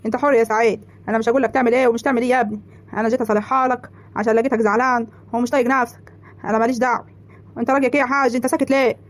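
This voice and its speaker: A woman with an Egyptian accent voicing a sharp-tongued, meddling village mother in an animated comedy, brisk and reproachful. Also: on the high side, dry recording, close to an everyday voice. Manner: brisk, reproachful, quick retorts.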